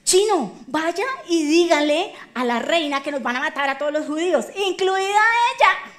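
A woman's voice: very high-pitched, animated, fairly quick, a little mellow, voice pushed up. A woman preacher voicing a panicked older man in mourning, urgent and anxious.

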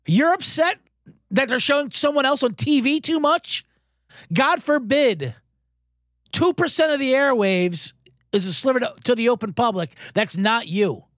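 A man's voice: very high voice, animated, a little slow, a bit bright, no room sound, clean studio sound. A man hosting a sports betting show in a rambling, joking, profane way. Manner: rambling, riffing and joking, breaks into mock accents. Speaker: sports betting podcast host. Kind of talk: casual, profane betting chat.

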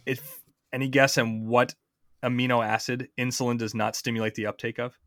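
A man's voice: mid-range voice, little pitch movement, brisk, fairly bright tone, no room sound, clean studio sound. A man hosting a podcast, casually explaining science step by step and often checking in with his co-host.

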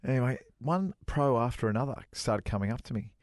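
Animated middle-aged man telling golf stories. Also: brisk, no echo, clean studio sound. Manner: animated anecdote teller, rises high acting out quoted dialogue. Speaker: golf podcast co-host, former touring pro. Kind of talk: casual storytelling chat.

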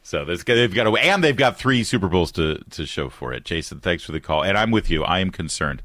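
A man's voice: low-pitched, fairly quick, dry recording, studio quality. A man hosting a talk radio show, ranting with passion and mocking his opponents before taking calls. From Detroit, USA. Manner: impassioned, mocking, animated. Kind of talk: talk radio monologue and call-in.

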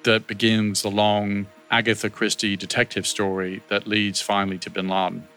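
A man's voice: lowish voice, level tone, normal speed, a bit bright, faint music behind. A man speaking as an expert commentator in an unscripted interview, conversational and explanatory.

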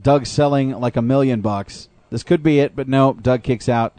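A man works as a wrestling commentator, calling the action move by move. His pitch is middling for a man and the sound is dry and close. He is informal and freely critical of what he sees. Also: fairly even intonation, normal speed, mellow, no room sound. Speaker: host calling the matches as play-by-play commentator. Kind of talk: live wrestling commentary, conversational.

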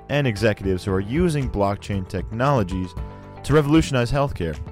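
A man's voice: on the low side, darkish tone. A man hosting a podcast, introducing the show and interviewing a guest in an upbeat, conversational way. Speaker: podcast host.

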